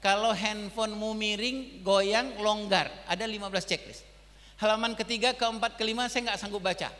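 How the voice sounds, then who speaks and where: A man's voice: high voice, steady tone, normal speed, sharp tone. A middle-aged man giving a parenting seminar talk. He tells stories, acts out dialogue and keeps addressing the audience as fathers and mothers. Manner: storytelling, acts out dialogue in his own voice. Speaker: parenting speaker. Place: school hall. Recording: reverberant hall.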